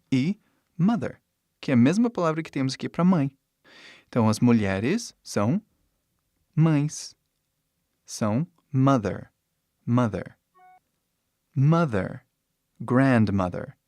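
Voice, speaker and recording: A man in his forties teaches an online language lesson, his first language being English. He explains patiently, repeats key words slowly and keeps checking in with quick tag questions. His voice sits at an ordinary middle pitch, recorded close and dry with no room sound. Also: a little mellow, dry recording.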